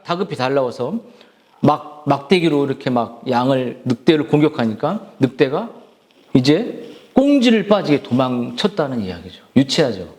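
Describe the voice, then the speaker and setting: A man preaching a sermon in a church, telling a story in an animated way and asking the listeners questions. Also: on the high side. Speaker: pastor. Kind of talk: sermon for children and adults.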